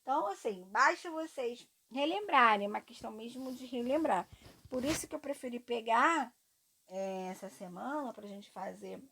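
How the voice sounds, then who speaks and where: A woman teacher from Brazil, lively and encouraging as she talks students through a grammar exercise. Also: a little high, normal speed, gravelly, slight background noise. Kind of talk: classroom lesson explaining exercises.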